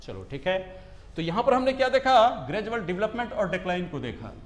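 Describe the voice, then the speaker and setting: High-voiced male teacher drilling phrases. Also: big pitch swings. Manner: repeats phrases, asks rhetorical questions, drills slowly. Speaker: English grammar teacher. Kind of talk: coaching class lecture. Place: coaching classroom. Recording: echoey classroom.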